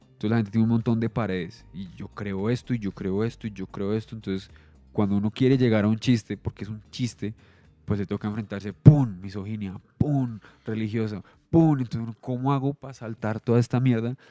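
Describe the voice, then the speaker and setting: Colombian comedian dude, kinda low voice, chill and crude, slang everywhere. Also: male voice, steady tone, a little fast, dark tone, soft background music. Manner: laid-back and crude, heavy on slang. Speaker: comedian and podcast co-host. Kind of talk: casual chat.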